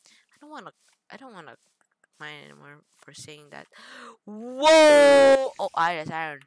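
A woman's voice: deep voice, animated, fairly quick, gravelly, sharp tone. A woman hosting a gaming channel, rambling through casual gameplay commentary with self-mocking jokes and stammered restarts. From Philippines.

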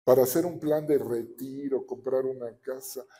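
A man with a Mexican accent preaching a sermon as a pastor, animated and often asking the congregation for agreement. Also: medium pitch, normal speed. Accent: Mexican Spanish.

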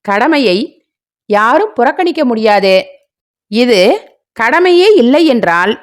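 A man's voice: extremely high pitch, very animated, takes it slowly, exaggerated voice. A woman voicing a stern, domineering older man, a father-in-law, who speaks curtly and commandingly.

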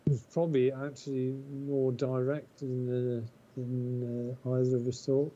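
A man playing a golf video game, chatting easily with a friend and thinking out loud as he reads his putts. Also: mid-range voice, completely flat delivery, moderate pace. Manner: easygoing, thinks aloud with restarts. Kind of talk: casual gaming chat. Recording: dull lo-fi mic.

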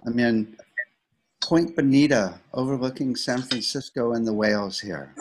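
A man founder of a school, introducing himself slowly and emphatically on a video call. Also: medium pitch, background noise.

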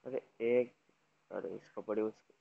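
A man's voice: on the low side, a little slow, vocal fry. Man streaming a game, lo-fi. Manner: excited, shouts instructions to teammates. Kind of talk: live gameplay commentary.

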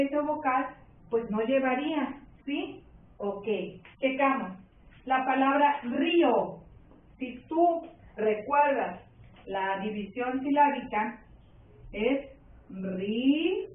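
A woman teacher with a Mexican accent, giving a slow, patient classroom lesson, stretching words and checking that her pupils follow. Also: sits high. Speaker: primary school teacher. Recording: roomy, distant, phone-like sound.

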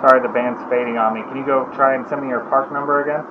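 A man's voice: medium pitch, fairly even intonation. Man, ham radio calls, phonetic call signs, distant muffled mic, heavy noise. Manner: repeats call signs slowly, brisk and procedural. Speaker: amateur radio operator. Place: outdoors in a state park.

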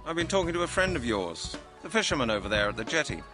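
An actor playing a polite, inquisitive police detective in a video game, questioning the locals. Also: male voice, fairly high pitch, sing-song, fast, music in the background. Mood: curious. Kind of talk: game voice acting.

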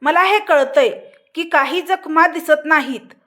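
A woman plays a young nurse from a storybook who speaks in a steady, direct way. Her voice is high and her delivery slow. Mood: firm.

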